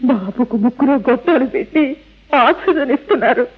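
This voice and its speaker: High-voiced distraught mother, old radio drama. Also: lively intonation, brisk, husky. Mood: anxious, distraught. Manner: pleading, tremulous, emotional. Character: distraught, devout young mother pleading for her sick child. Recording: tinny narrow-band old radio recording.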